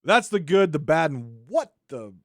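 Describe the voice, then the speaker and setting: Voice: mid-range voice, sing-song, measured pace, no room sound, studio quality. A podcast host delivering an exasperated, sarcastic ranting monologue into a microphone.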